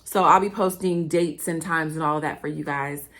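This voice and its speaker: Excitable woman hosting a chatty podcast. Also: sits low. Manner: excitable, fast-talking and animated; chatty, addresses listeners directly. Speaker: podcast host. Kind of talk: casual solo podcast talk.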